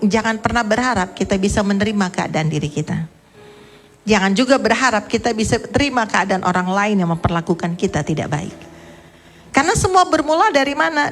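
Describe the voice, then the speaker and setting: A middle-aged woman pastor preaching a sermon, swinging from emphatic rising lines to low, soft storytelling.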